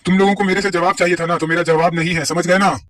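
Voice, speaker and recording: Easygoing young gang member, man reading, chummy and casual, fast talker. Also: high-pitched, little pitch movement, fairly bright tone, no echo, far from the mic.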